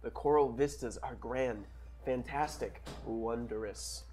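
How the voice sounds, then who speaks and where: A man's voice: medium pitch, slow pace, dark tone, slight background noise. A man reading scripted action narration at a casual comic table read.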